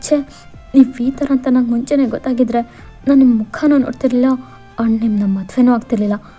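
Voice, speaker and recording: A woman's voice: a little high, steady tone, brisk, warm tone, breathy edge, faint music behind, pitched above the performer's own voice. A woman doing a fiery, indignant young bride. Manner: pleading then defiant, emphatic.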